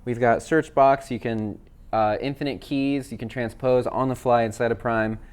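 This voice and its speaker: A man, a worship leader, walking viewers through app features in a relaxed, chatty way with fillers. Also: medium pitch, moderate pace, clean tone. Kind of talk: casual software demo. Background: backing tracks playing.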